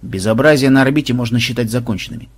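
A man voicing a gruff, phlegmatic grandfather who talks bluntly. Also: medium pitch, quick pace, lightly acted. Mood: businesslike.

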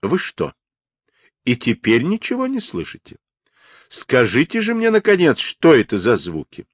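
A man putting on an angry middle-aged stepfather from a children's adventure story, who snaps every word like an order. His voice sits high and hard, close and dry on the mic. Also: wildly swooping pitch, a little slow, dry recording. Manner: barking, clipped each word.

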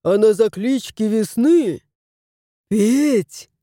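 A woman's voice: on the high side, animated, very slow, warm tone, no echo, clean studio sound. A woman voicing a lazy, smug plump male house cat who drawls and teases. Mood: teasing. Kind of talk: audiobook character voice.

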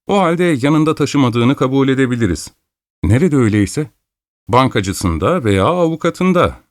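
A man's voice: medium pitch, no room sound, clean studio sound, natural voice. A man voicing a shrewd male detective who reasons aloud confidently in an audiobook. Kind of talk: audiobook character voice.

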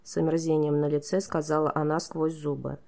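Low-voiced woman narrating an audiobook. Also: level tone, brisk, gravelly, mellow. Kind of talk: scripted fantasy narration.

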